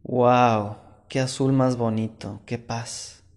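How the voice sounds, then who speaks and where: A man voicing a young craftsman who speaks in an earnest, softly wondering way. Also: mid-range voice, fairly even intonation, slow, close to an everyday voice.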